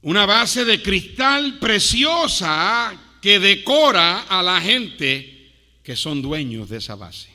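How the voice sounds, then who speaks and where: A man preaching a sermon to a congregation, with dramatic swings between hushed and loud delivery and playful asides to his listeners. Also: high-pitched, very animated, takes it slowly. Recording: long hall reverb.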